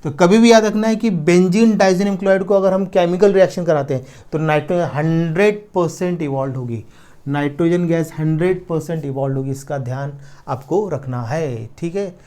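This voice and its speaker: A man's voice: on the high side, warm tone. A man teaching an exam-prep chemistry lesson, explaining step by step and asking questions that he then answers himself. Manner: slows down to spell out formulas.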